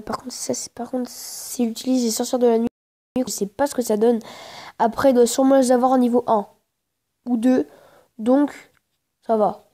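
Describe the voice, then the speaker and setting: Casting: female gamer, higher-pitched yet soft-toned, casual play-by-play, slangy grumbler who repeats herself while thinking. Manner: informal slangy speech, often swearing in frustration; hesitant, repeats phrases while thinking aloud. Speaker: gaming video creator. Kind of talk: casual live gameplay commentary.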